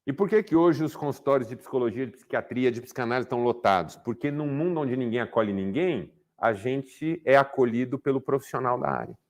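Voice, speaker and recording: A man's voice: mid-range voice, brisk, hardly any pauses, darkish tone. A man giving a motivational talk to a men's group, asking rhetorical questions and acting out little dialogues. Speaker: speaker at a men's group, therapist.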